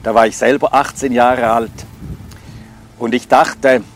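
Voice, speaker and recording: This testimony comes from an older Swedish-speaking Scandinavian man with a medium-pitched, steady voice at a measured pace. He reflects on his life hesitantly, with frequent fillers, against slight background noise.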